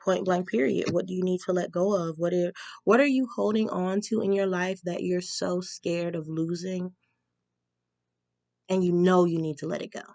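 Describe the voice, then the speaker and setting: A young woman giving a casual tarot reading, talking frankly and slowing down to stress her advice. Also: lowish voice, steady tone, vocal fry, a little mellow, dry recording. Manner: candid, advice-giving, slows down for emphasis. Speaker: tarot reader.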